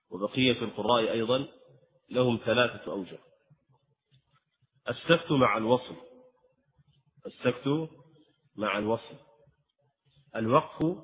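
Male recitation teacher, medium-pitched, steady lecturing with slow sung examples, dull lo-fi recording. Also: in a large hall. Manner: measured explaining, breaks into slow melodic recitation. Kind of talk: tajweed lesson with chanted examples. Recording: slightly dull lo-fi sound.

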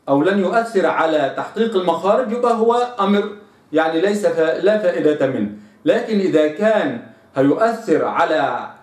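A man with a fairly high voice leads a pronunciation lesson on recitation, sounding out syllables one at a time and setting right readings against wrong ones. He is recorded from some way off in an echoey room. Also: darkish tone. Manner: deliberate, drills single syllables and contrasts right and wrong readings. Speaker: Quran recitation teacher. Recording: echoey room, mic at a distance.

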